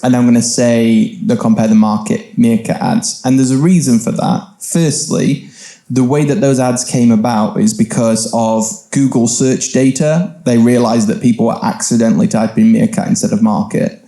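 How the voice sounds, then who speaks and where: Mellow-voiced man explaining in an echoey room. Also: mid-range voice, fairly even intonation. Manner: brisk, explanatory, swears casually. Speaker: panel speaker. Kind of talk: casual panel talk. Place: event venue with live audience.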